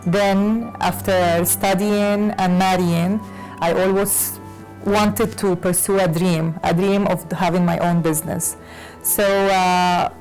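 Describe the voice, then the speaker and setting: A woman fashion designer from Lebanon, raised in Latin America, answering interview questions with many pauses and fillers. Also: medium pitch, a little mellow, low-quality recording. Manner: hesitant, many fillers and restarts. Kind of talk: conversational interview.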